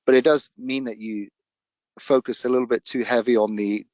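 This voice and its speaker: A man's voice: medium pitch, steady tone, moderate pace, a little mellow, no room sound, dull audio. A man speaking as a guest in casual chat, telling stories in an earnest, reflective way.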